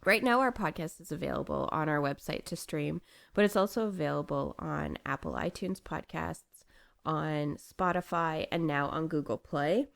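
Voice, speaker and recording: Woman, podcast co-host, casual chat, chatty, fairly low voice. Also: normal speed, vocal fry. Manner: chatty, laughs often.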